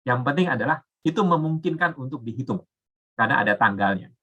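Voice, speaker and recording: A man's voice: medium pitch, animated, fast, pushed and bright, breathy edge, muffled recording. A man giving a casual Bible lesson, explaining step by step with frequent filler words. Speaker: Bible teacher. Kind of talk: casual teaching talk.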